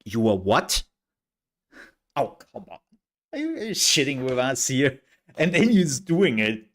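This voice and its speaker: A man's voice: medium pitch, sing-song, a little slow, a bit bright. A man streaming a farming game live, chatting casually and telling a rambling story with laughs.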